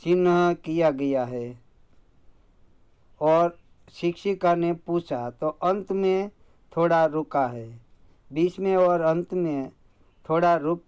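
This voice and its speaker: A teacher walks through a grammar lesson at an unhurried pace, stopping to restate points. The voice is smooth and clear, pitched in the middle range. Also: a little mellow. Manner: slow and deliberate, explaining step by step. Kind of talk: slow classroom grammar lesson.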